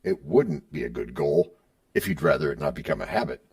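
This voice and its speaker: A middle-aged male podcast host trades playful scripted banter with himself. His voice is deeply gravelly and husky, and his pitch swings widely. The mic sits some way off. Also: huge pitch swings, a little fast, a little mellow, distant mic. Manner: playful, switching between his own voice and a sidekick.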